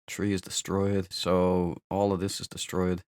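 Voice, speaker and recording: This low-sitting, smooth male voice is completely flat and unhurried, with no room sound. It's a let's play host casually playing through a game, muttering to himself and jokingly repeating phrases over loud video game ambience.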